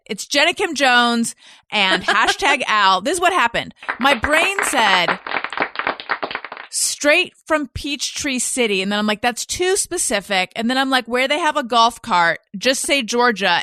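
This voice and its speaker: A woman's voice: sits high, bright, forceful tone, no echo, studio quality. A woman hosting a casual chat, playful and teasing, laughing often. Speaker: podcast host.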